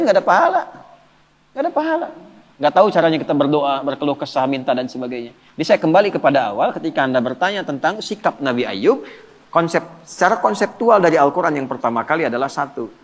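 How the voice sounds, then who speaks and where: Lively preacher in a reverberant hall. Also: male voice, on the high side, quick pace. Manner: lively, asks the audience questions and answers them. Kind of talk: religious lecture.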